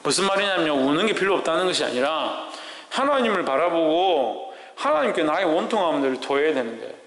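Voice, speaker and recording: A male pastor preaches in a church sanctuary, his voice set a little high and pushed forward with a tense, forceful edge. He keeps asking his listeners questions and answering them himself, and every line rings out through a roomy hall with a long, echoing tail. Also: sing-song, a little fast. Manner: asks the congregation rhetorical questions and answers them. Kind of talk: sermon.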